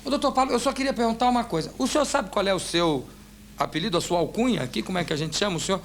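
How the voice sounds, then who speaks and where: A man's voice: high-pitched, racing, a little hiss or hum. A man voicing a stubborn, teasing pianist. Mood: insistent. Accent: Brazilian.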